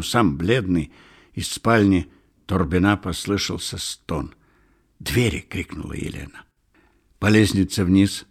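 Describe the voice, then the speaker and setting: A man reading a novel aloud as an audiobook narrator, measured and expressive. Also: low-pitched. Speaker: audiobook reader. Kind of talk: scripted literary narration.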